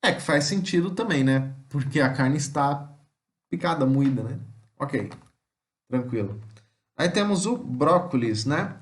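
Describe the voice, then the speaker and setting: A Brazilian man with a Brazilian Portuguese accent giving a relaxed, conversational homeschool lesson, often tagging his sentences with checks for understanding. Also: on the high side, a little slow, pauses often, reverberant. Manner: conversational, many filler tags and repetitions. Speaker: teacher.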